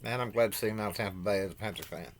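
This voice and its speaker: A man with a lowish voice reads NFL signings off handwritten notes, pausing and correcting himself as he trips over names. Between items he drops plain, opinionated asides about the deals. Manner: halting, apologetic, stumbles over names. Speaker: host. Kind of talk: reading NFL news from notes.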